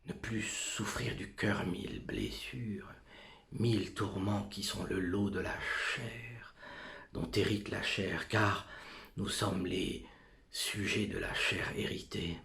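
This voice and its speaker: Man performing anguished tragic soliloquist, theatrical, very slow, halting, gravelly, brooding, swinging from whispers to outbursts. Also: fairly low pitch, steady tone, a bit bright, reverberant, heavily acted. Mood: brooding, hushed. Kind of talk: theatrical monologue recitation.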